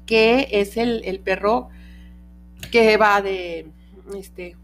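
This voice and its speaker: A woman's voice: medium pitch, very slow, soft background music. A woman hosting a casual podcast about dogs, often searching for words with fillers and restarts, recorded on a podcast microphone. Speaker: podcast host, dog trainer. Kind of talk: casual explanatory podcast talk.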